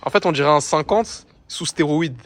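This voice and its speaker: A man's voice: fairly high pitch, moderate pace. A young man bantering casually in street slang with a friend. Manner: French suburban street slang. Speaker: friend filming behind the camera. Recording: ambient background noise.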